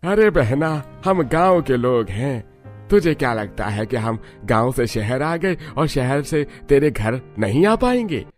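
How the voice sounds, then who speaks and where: A man playing a hearty cartoon village brother, loud and jovial, with a medium pitch. Soft music plays behind him. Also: expressive, measured pace, natural voice. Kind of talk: cartoon voice acting.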